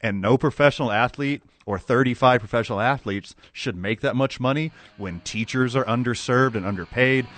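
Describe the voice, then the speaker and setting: A man's voice: mid-range voice, brisk, few pauses, a bit bright. A man co-hosting a sports radio show with casual, bantering talk.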